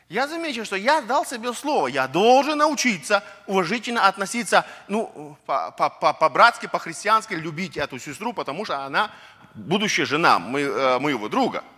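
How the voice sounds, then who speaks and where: A middle-aged man with a high, sharp voice delivers a conversational sermon, earnest and packed with rhetorical questions. He sometimes stumbles over words and starts again, and a large hall's long reverb trails his speech.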